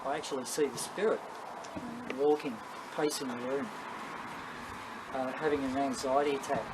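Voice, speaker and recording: An Australian man giving a casual, rambling, matter-of-fact talk to a group as a paranormal investigator, telling anecdotes. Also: mid-range voice. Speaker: paranormal investigator leading a session. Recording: clearly noisy live ambient recording.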